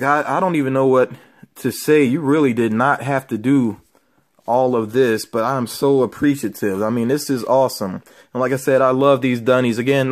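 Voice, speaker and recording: Casual male vlogger with medium pitch. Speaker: toy collecting vlogger. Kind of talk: casual show-and-tell chat. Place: indoor room with shelves of figures.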